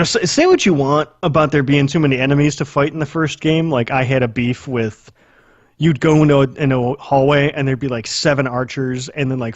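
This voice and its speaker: With a fairly high voice, a man co-hosting a podcast chats loosely about video games, swearing freely, speaking bluntly and blowing things out of proportion. The audio is muffled and dry, without room sound.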